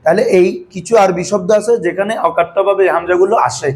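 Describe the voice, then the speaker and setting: A man's voice: high-pitched, steady tone, fast talker, slight background noise. A man teaching Arabic grammar in a classroom, explaining patiently in colloquial speech and quizzing his students with constant questions. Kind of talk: classroom lecture with call-and-response. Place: classroom with students seated in front.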